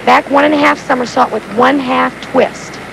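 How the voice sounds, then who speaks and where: Lady diving expert breaking down technique, really creaky, noisy old tv broadcast with crowd. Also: sits high, fairly even intonation, normal speed. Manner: explanatory. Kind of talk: live technical sports commentary. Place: outdoor diving stadium.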